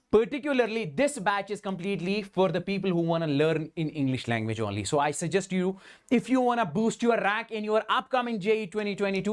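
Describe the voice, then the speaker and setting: A man with a Kashmiri Indian accent speaks in a fairly high voice as a physics teacher running a live class. He addresses his students directly and keeps checking that they follow. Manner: repeatedly checks in with okay and understand.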